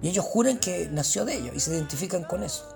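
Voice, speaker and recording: Gravelly Chilean man ranting sarcastically. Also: high-pitched, lively intonation, fast talker, darkish tone, faint music behind. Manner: profane, slangy and sarcastic, mocking tone. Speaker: comedian. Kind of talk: comic rant.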